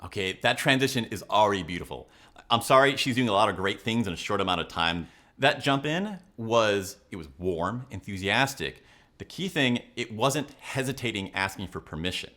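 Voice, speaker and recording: Talking at normal speed, a man with a fairly low, pushed, bright voice and lively intonation addresses his viewers. As a body language and leadership coach hosting videos, he delivers analytical commentary emphatically and instructively.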